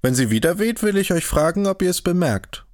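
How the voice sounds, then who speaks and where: A man's voice: sits high, sing-song, fairly quick, darkish tone, no room sound, clean studio sound, voice pushed up. A man doing an earnest wondering young lad. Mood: calmly insistent.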